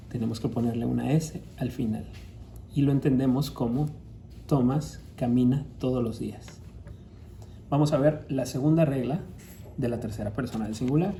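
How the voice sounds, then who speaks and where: A man's voice: mid-range voice, mellow, a little hiss or hum. A male English teacher with a Latin American Spanish accent explains grammar rules patiently, step by step, in a recorded lesson.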